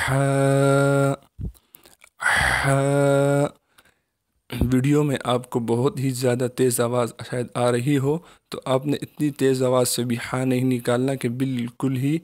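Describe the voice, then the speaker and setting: Patient, flat-voiced male Quran teacher. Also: mid-range voice. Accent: Pakistani Urdu. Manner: patient, repeats each letter slowly and drawn out. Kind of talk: children's recitation lesson.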